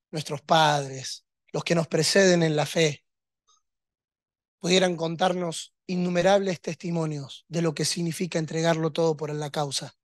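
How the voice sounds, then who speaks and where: Emphatic preacher. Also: male voice, a little high, no room sound, studio quality. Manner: emphatic, rhetorical, with humor. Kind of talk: sermon.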